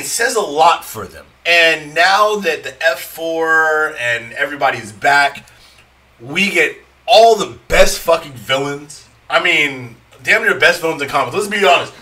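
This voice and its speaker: Bright-voiced man, a bit off-mic. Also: fairly high pitch, far from the mic, low-quality recording. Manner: enthusiastic, explains at length, laughs often. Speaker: podcast co-host. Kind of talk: casual chat.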